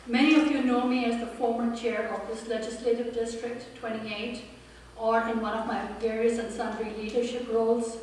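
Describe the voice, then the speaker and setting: A woman's voice: on the high side, level tone, normal speed, a little mellow, far from the mic, a little hiss or hum. Woman in her fifties, echoey hall speech. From India and Pakistan. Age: 50s. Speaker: political candidate. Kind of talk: campaign speech. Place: forum room with an audience.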